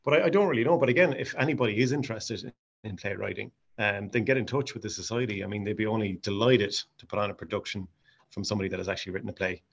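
A man from County Mayo with a west of Ireland accent talks casually about his hobby as an interview guest; he acts with an amateur drama society. His low voice is gravelly with a breathy edge, and he speaks rapid-fire. The highs are cut off.

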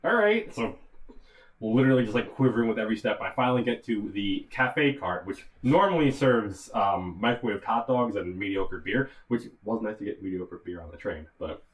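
A young man co-hosting a podcast, telling a story in a casual way, animated and often laughing as he talks. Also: lowish voice, moderate pace, far from the mic, low-quality recording. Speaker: podcast co-host.

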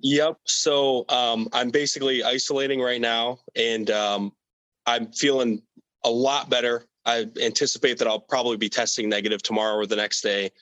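A young man answering interview questions about competing abroad in a relaxed, casual way, with many fillers and repeated words. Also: mid-range voice, normal speed, no room sound, rough recording. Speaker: athlete guest.

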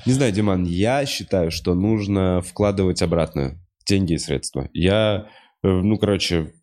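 A man's voice: deep voice, measured pace, a little mellow. A man hosting a talk show, chatting casually in a thoughtful, hesitant way, with some swearing. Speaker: show host. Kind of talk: casual chat.

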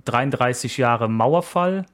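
A man's voice: mid-range voice, animated, slow, fairly bright tone. A man in his forties co-hosting a podcast, chatting casually in an easygoing, rambling way with frequent hesitations. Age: 40s. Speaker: podcast co-host. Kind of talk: casual chat.

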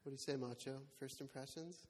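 A man chatting casually in a group, quiet and halting, with joking asides. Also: mid-range voice, steady tone. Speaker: community house resident. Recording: reverberant room, faint noise.

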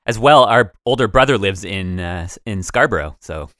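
A man's voice: lowish voice, animated, normal speed, pushed and bright, dry recording, clean studio sound. A man co-hosting a community radio talk show, upbeat and a little rambling. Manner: upbeat, rambling, restarts phrases.

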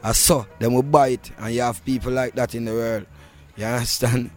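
Music plays behind a reggae artist with a Jamaican accent as he talks casually in an interview. His mid-range voice stays fairly even and brisk, and his Rasta speech is full of patois and devotional phrases.

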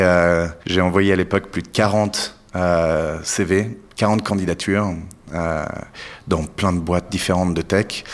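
A man, answering interview questions in a thoughtful way with many pauses and restarts. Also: deep voice. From Switzerland. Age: 40s. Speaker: entrepreneur guest.

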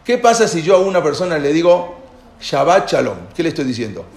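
A man's voice: on the high side, sing-song, fast, a little mellow. A man giving an informal lecture, explaining with questions to his listeners and often repeating and restarting phrases. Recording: echoey room with faint background noise.

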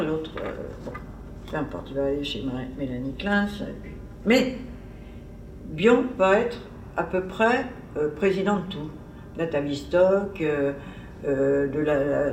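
In a low voice, a woman gives an informal academic seminar talk, conversational and full of digressions, as if working things out aloud. The seminar room echoes, the mic is distant, and there's slight background noise.

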